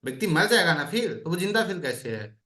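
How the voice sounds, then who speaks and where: Guy running an online astrology class, higher voice, echoey room, keeps asking students questions. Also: sing-song, brisk, fairly bright tone. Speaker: astrology teacher.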